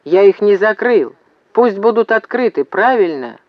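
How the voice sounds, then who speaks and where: A man voicing an eager, dazed young male soldier who talks in an excited, breathless way in a slightly muffled, dry recording. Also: high voice, measured pace, no room sound.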